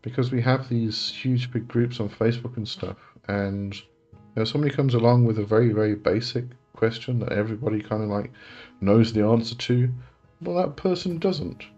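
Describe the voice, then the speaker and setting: The recording is muffled, with faint music behind a medium-pitched, dark-toned voice at normal speed. He's an English man in his forties hosting a casual live chat and answering viewers, rambling, correcting himself, and chuckling frequently.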